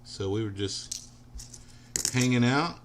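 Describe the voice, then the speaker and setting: A man's voice: mid-range voice, slow, background noise. A man in his forties hosting a casual livestream, chatting with viewers and answering their comments by name. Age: 40s. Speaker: livestream host.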